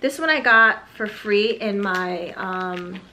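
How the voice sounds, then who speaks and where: A woman's voice: medium pitch, takes it slowly, bright, forceful tone, a little hiss or hum. A young woman, an expectant mother, chatting casually through a haul of baby items, a little out of breath, with fillers and asides. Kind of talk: casual product haul vlog.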